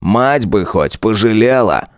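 Male reader doing a cruel lieutenant, audiobook: sneering, mocking, threatening, pitched up. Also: expressive, slow pace, no room sound, studio quality. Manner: sneering, taunting.

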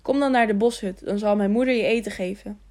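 A woman's voice: mid-range voice, fast talker, a little mellow, lightly acted. A woman voicing a lonely, simple-minded young man who asks childlike, repetitive questions. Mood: eager.

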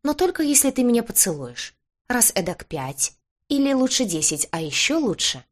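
A woman's voice: a little high, very animated, moderate pace, voice pushed up. A woman voicing a scheming werewolf man who talks in a mocking, self-satisfied way in an audiobook reading. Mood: teasing.

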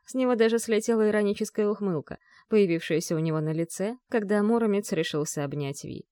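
A woman narrates a novel in a measured, expressive way with a mid-range voice. The recording is close and dry, with no room sound. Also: medium pitch, dry recording. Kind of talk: audiobook narration.

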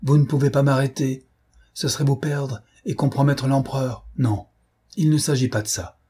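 A man playing a fierce, commanding gentleman thief in an audiobook, speaking urgently and imperiously. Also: mid-range voice, steady tone, normal speed, slightly rough, pitched above the performer's own voice, close to an everyday voice.

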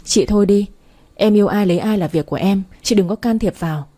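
A devoted young man who stands firm against his family, as a woman narrator reads his lines. His delivery is firm and defensive. The voice is mellow and softly husky. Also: mid-range voice, quick pace, close to an everyday voice. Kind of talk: storybook reading.

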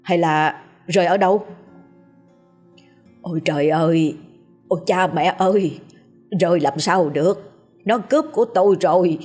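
A woman's voice: on the low side, measured pace, long pauses, a little mellow, faint music behind. A woman voicing a miserly, fretful old grandmother in a storybook tale who scolds and laments in a rustic way. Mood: wailing.

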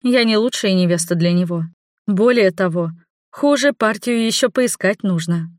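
A woman narrating a first-person audiobook in an expressive, emotional way. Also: mid-range voice, moderate pace, no echo, clean studio sound.

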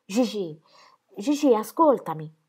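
A woman's voice: mid-range voice, slow, breathy edge, voice pushed up, heavily acted. Woman reader as a lovesick young man, pleading, hurt, exasperated. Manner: pleading, then muffled and flat. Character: young man in love, wounded and sulky.

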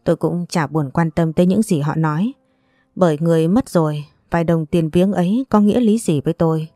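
Woman narrating in a low, dark voice. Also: a little fast, no echo, studio quality, soft background music. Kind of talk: first-person audio story narration.

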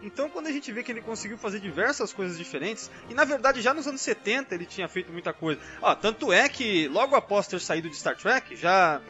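A Brazilian man on a podcast panel rambles through a casual chat about film and TV trivia, constantly tacking on little tag questions, with music playing behind him. His voice sits high with lively intonation and a sharp tone, and he talks fast with hardly any pauses, though the recording is muffled.

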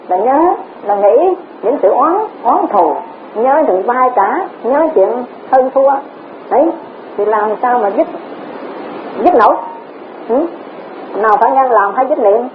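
Woman, Dharma teacher, repeats herself, poses rhetorical questions, tinny tape with faint hiss. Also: on the high side. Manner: repetitive, rhetorical questions, chuckles often. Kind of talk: Dharma talk.

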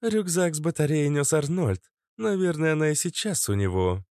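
A man's voice: fairly high pitch, sing-song, moderate pace, a little mellow, no room sound, studio quality, voice pushed up. A man voicing a blunt, matter-of-fact young woman fighter. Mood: dry.

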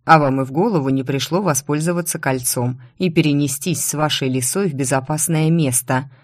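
A woman's voice: low voice, a little fast, no echo, studio quality. A woman voicing a stern, irritable male university rector, a mage who scolds in anger, read in an audiobook. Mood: angry. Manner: angry, scolding. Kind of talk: audiobook character reading.

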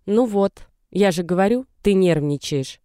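A man's voice: high voice, expressive, measured pace, mellow, clean tone, no room sound, studio quality, voice pushed up. A man reading the lines of an anxious middle-aged mother who lectures and coaxes her daughter over the phone. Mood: coaxing. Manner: coaxing, insistent, lecturing.

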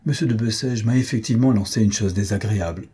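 A man's voice: on the low side, fast, warm tone, husky. A man reading aloud, voicing a reserved, proud young countess who answers curtly. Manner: curt, restrained replies.

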